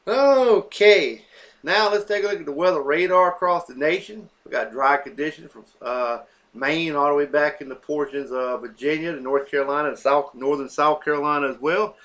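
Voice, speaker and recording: Speaking at a normal speed in a fairly high, fairly bright voice, a male weather host improvises his way through the maps. He runs down a list of locations, leaning on lots of fillers and correcting himself as he goes.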